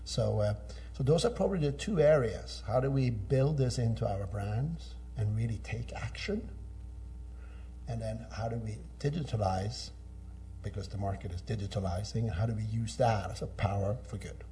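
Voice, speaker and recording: A man's voice: fairly low pitch, normal speed, warm tone, slight background noise. A middle-aged man, a business executive giving thoughtful, conversational interview answers. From Norway. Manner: thoughtful, with frequent restarts and fillers.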